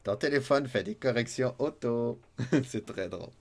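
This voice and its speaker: With a medium-pitched, darkish voice at a moderate pace, a man with a Québécois French accent streams a retro game. He chats casually with viewers, reads chat aloud, jokes around, and laughs often, let's-play style.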